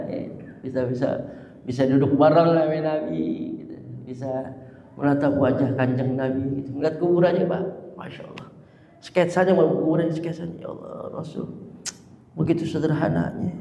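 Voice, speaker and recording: A man's voice: fairly high pitch, warm tone. A middle-aged Indonesian man giving an emotional, conversational sermon, often sighing in devotion. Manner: emotional, conversational storytelling with frequent sighs of devotion. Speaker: preacher. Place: mosque hall. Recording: roomy hall echo, dull lo-fi sound.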